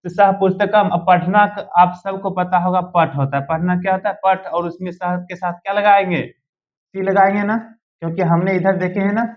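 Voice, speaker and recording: A male teacher with a fairly high voice works through a grammar lesson one step at a time. He keeps pausing to ask his students whether it is clear. The recording sounds dull and lo-fi. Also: steady tone. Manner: explains step by step and keeps checking if students follow.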